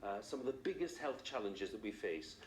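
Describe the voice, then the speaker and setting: A man's voice: fairly low pitch, lively intonation, brisk. A man presenting a live news interview, asking wordy questions with hesitations and repeated phrases. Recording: roomy echo, background ambient noise.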